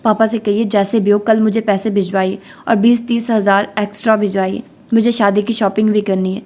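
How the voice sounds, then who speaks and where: A woman's voice: medium pitch, level tone, darkish tone, natural voice. A woman reading the lines of a frustrated young woman student in an audiobook novel. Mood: demanding.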